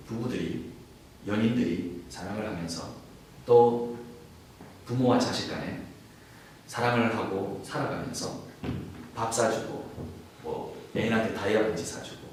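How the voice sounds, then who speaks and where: A man preaching a sermon as a pastor, in a conversational way, acting out the voices he quotes. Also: on the low side. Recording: echoey hall from far off with faint noise.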